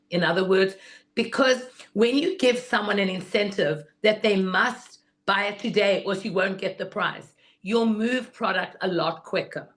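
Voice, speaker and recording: A woman teaches an informal workshop in a medium-pitched voice. Laryngitis leaves it hoarse and rusty, like a voice long unused. She is enthusiastic and instructive as she explains. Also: a bit bright. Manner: enthusiastic, instructive, repeats 'in other words'. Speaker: guest teacher of market selling.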